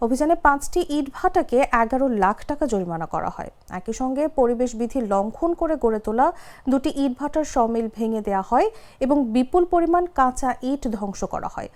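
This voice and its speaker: High-pitched woman reading news. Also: fairly quick. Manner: formal, even reading. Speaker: news reader. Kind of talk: scripted news voice-over.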